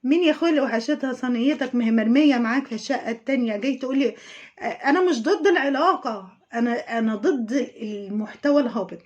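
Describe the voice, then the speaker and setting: Sarcastic Egyptian woman, high voice. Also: very fast, dull audio. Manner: mocking, scolding, indignant. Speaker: YouTube commentator. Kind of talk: sarcastic reaction commentary.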